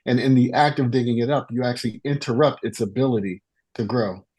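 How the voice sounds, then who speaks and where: A man on a podcast calmly explaining his personal philosophy in a reflective, casual way. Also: mid-range voice, a little fast, husky.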